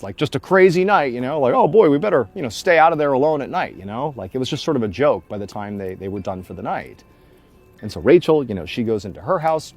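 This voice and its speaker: A man tells a creepy true tale like a casual but dramatic storyteller, with music underneath. His pitch moves in a lively, expressive way as he leans on key words. He keeps it conversational while building suspense. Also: husky. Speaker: storyteller, host of a story show.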